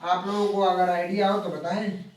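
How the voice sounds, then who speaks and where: High-voiced male teacher in an echoey room. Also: level tone. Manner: explains slowly, repeating key terms and drawing out example sounds. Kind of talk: live online grammar lesson. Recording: very echoey room, voice from far off the mic.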